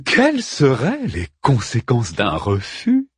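A man voicing a tiny sexless pale green sprite who speaks in an amused, teasing, drawn-out way. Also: medium pitch, huge pitch swings, a little mellow, breathy edge, no echo, studio quality, voice pushed up, exaggerated voice.

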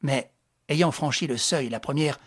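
A reader narrates a classic novel in an even, measured way. The voice is husky and sits at a middle pitch. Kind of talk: audiobook narration.

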